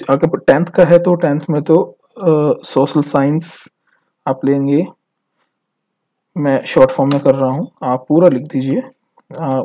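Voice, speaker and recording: A man with an Indian accent walks through an informal, step-by-step screen tutorial, explaining things in an instructional way and slipping in English phrases. His voice is medium-pitched and dark, and the recording is rough.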